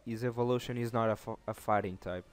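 A man's voice: on the low side, fairly even intonation, quick pace, no room sound. A young man co-hosting a game playthrough, answering briefly and casually. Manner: brief, laid-back replies. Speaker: co-host. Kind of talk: casual gameplay chat.

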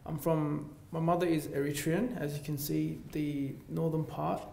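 Gravelly young man in an echoey hall. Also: on the high side, flat delivery, a little slow, dark tone, slight background noise. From Ethiopia. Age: 20s. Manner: informal, many fillers and restarts. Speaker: student guest speaker. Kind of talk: personal account at a lecture. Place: large lecture theatre.

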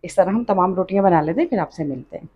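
Over phone-quality sound, a woman with a lowish, breathy-edged voice talks fast with lively intonation. As a cooking channel host, she narrates a step-by-step tutorial in her home kitchen, chatty and instructive, with "achha" and "dekhiye" recurring throughout.

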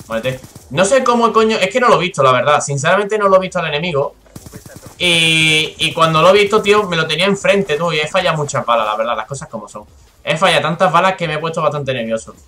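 A young man with a Spanish accent streams a shooter game live, talking straight to his viewers. His voice is fairly high and bright, with a forceful edge. He is excitable and swears freely. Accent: Spain Spanish. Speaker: gaming streamer. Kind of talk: live gameplay commentary.

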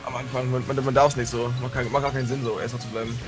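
A man chatting casually as a fellow player in a game, slangy and excitable. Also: medium pitch, quick pace, over music. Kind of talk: casual gaming chat.

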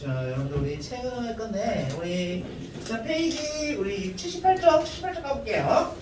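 High-pitched man teaching in an echoey classroom. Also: very animated, moderate pace, background noise. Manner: repetitive, quizzing students, many rhetorical questions. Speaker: middle school English teacher. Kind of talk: grammar lecture to students. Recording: echoey room, from far off.

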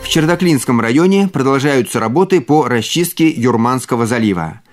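A man's voice: mid-range voice, fairly quick, faint music behind. Man reading an eco news report. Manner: even, formal. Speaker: journalist.

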